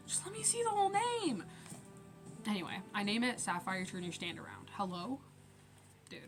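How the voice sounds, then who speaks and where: A woman's voice: medium pitch, huge pitch swings, moderate pace, music in the background. A teenage girl rambling through a casual storytime rant, acting out conversations as she goes. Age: teens. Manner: rambling, quotes conversations with shifting loudness. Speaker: vlogger.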